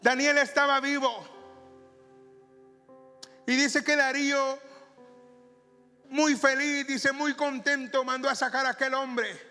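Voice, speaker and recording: High-voiced preacher in a ringing church. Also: male voice, fairly even intonation, bright, forceful tone. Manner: slow, emphatic preaching with drawn-out phrases. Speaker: pastor. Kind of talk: sermon. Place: church sanctuary. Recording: reverberant church hall with music behind.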